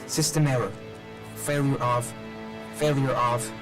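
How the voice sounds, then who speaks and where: A broken-down combat robot from a video game, his voice run through a cold metallic filter. He delivers flat, clipped status readouts at a middling pitch, stalling on system errors, with loud game music running behind him. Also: unhurried. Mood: malfunctioning, clipped. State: malfunctioning, repeating system errors. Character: damaged male combat robot companion, cold and mechanical.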